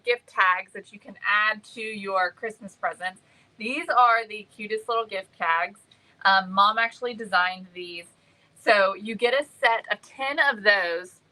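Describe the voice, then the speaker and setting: Woman, craft livestream host, bright voice, unhurried, chatty with lots of ums. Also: fairly high pitch, poor audio. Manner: chatty, greets viewers by name, many ums. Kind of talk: casual livestream chat.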